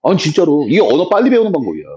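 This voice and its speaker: Blunt, animated male math teacher. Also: very fast, highs cut off. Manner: blunt, rough-talking, with swings between loud emphasis and low asides. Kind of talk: classroom lecture.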